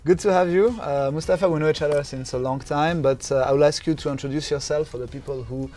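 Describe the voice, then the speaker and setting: A man hosting a wellness podcast, chatting with a guest in a halting way, full of fillers and restarts. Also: fairly high pitch, fairly even intonation, darkish tone. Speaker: podcast host. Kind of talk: casual interview chat. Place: Dubai.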